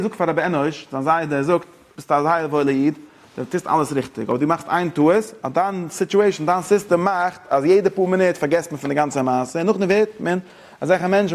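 A man teaching a Torah lesson, talking excitedly with stumbling restarts and English words mixed in. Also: on the high side. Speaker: religious teacher.

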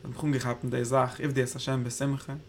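Gravelly-voiced man teaching Torah in Yiddish. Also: medium pitch, little pitch movement, quick pace, a little hiss or hum. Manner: rambling, thinking aloud, Hebrew terms woven in. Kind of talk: Yiddish Torah class on the Zohar.

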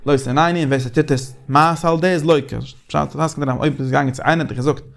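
A man leading a casual Talmudic study discussion, animated and repeating phrases as he thinks aloud. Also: fairly high pitch, fast talker, creaky.

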